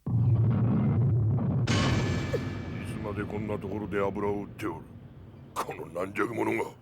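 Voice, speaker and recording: An actor playing a stern older father and harsh martial arts master, speaking in a gruff, old-fashioned commanding way. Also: fairly low pitch, steady tone, a little fast, heavy background noise. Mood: scornful. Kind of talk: anime film dub acting. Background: loud film score.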